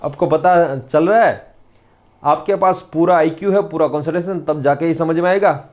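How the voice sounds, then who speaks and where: A man with a Gujarati accent delivers a recorded chemistry lecture, drilling points repeatedly and sometimes teasing his students. His voice is on the high side and darkish, at a normal speed.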